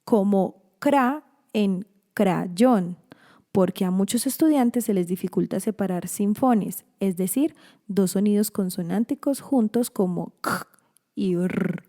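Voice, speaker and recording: Female narrator, unhurried instructional read, soft mellow timbre. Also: medium pitch. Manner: slow, careful, stretching example words. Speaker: narrator of an educational video for teachers and parents.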